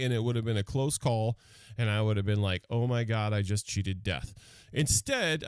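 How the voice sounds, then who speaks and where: A man telling a personal story on radio in a rambling, animated way, with many restarts. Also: mid-range voice, dry recording.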